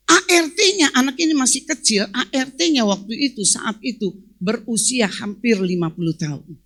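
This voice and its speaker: A woman pastor preaching a sermon at a church service. She tells a testimony and keeps calling the congregation "saudara," swinging between loud emphasis and hushed asides. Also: sits high.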